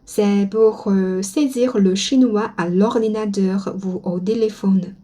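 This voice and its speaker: A woman whose first language is Chinese, teaching pronunciation slowly and modeling each sound for learners to repeat. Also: medium pitch, fairly even intonation, dark tone. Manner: slow and careful, models sounds for repetition. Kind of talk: slow spoken language lesson.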